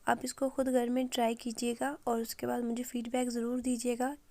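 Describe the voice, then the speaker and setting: A woman hosting a cooking channel, talking through a recipe step by step with a hoarse, sore throat and frequent pauses. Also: on the high side, completely flat delivery, a little mellow, no room sound. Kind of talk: recipe voice-over.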